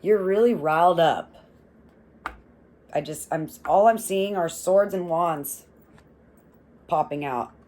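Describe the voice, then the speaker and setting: Low-voiced, slow-talking woman reading tarot. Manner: swears freely, laughs often, animated and rambling. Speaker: tarot reader.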